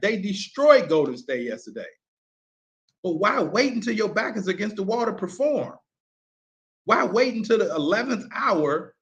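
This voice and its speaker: A man's voice: high voice, fairly bright tone. A male basketball coach giving a casual, motivational talk to sports parents, repeating rhetorical questions for emphasis. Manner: casual, colloquial phrasing.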